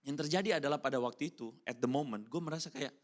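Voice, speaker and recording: A man preaching a casual youth sermon in speech, slangy and animated, keeping up a run of rhetorical questions to the congregation. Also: medium pitch, quick pace. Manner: animated, keeps asking the crowd rhetorical questions; slangy and informal, breaks into English phrases. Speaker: youth pastor. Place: church hall during a service.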